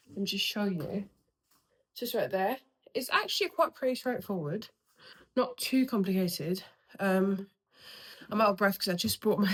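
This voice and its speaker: A woman's voice: lowish voice, rough recording. A young woman chatting casually through her own home renovation, explaining each step with lots of ums. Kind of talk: casual DIY home vlog. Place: room in her house under renovation, indoors.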